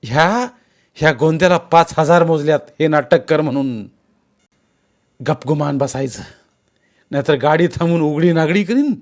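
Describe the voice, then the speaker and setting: A man's voice: a little high, racing, hardly any pauses, darkish tone, voice pushed up, close to an everyday voice. A man voicing a scheming, menacing rural landlord who growls threats in rustic village speech.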